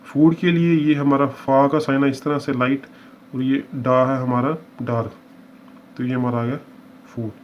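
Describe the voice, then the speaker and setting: Man teaching a slow, patient lesson. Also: mid-range voice, little pitch movement. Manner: explains patiently, often checks understanding. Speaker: shorthand teacher. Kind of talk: step-by-step lesson. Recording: dull lo-fi with faint hiss.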